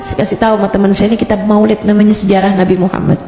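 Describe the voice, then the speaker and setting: A woman preacher giving a religious lecture, telling a story and voicing the people in it with lively emotion. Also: mid-range voice, rapid-fire. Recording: echoey hall with faint music.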